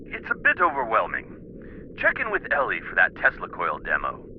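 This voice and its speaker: A man's voice: low-pitched, huge pitch swings, moderate pace, background noise. An actor playing a busy, confiding male scientist in a video game, matter-of-fact, in dull-sounding audio. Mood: confiding, certain.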